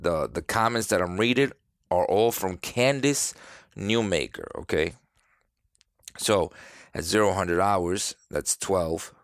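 A man hosting a podcast, reading out a case transcript in a measured, halting way with small restarts and brief asides. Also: sits low, no room sound, clean studio sound. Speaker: podcast host.

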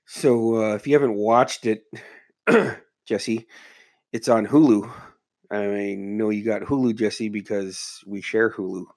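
He takes it slowly, with fairly even intonation and a darkish tone to his lowish voice. The man hosts a casual solo podcast while under the weather, his stuffy nose and slight cough leaving him muffled and congested as he rambles on, laid-back and swearing freely.

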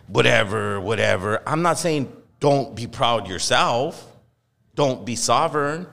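With a medium pitch and a fairly bright tone, a Los Angeles man hosts a podcast in a heated yet casual way. He sounds impassioned and curses freely, mocking others through quoted voices. The podcast studio audio features long hall reverb and faint music.

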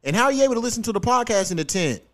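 A man's voice: extremely high pitch, very animated, racing, a crowd in the background. A man hosting a podcast, chatting casually and comedically in slangy, profane, teasing talk. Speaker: podcast host.

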